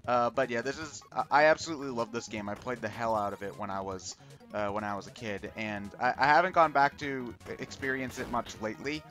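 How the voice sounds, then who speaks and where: A man hosting a gaming stream with casual commentary, talking in a rambling, halting way and often correcting himself. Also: mid-range voice, fairly bright tone. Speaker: host of a charity gaming stream. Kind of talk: casual video game commentary. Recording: game music behind the voice. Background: video game music.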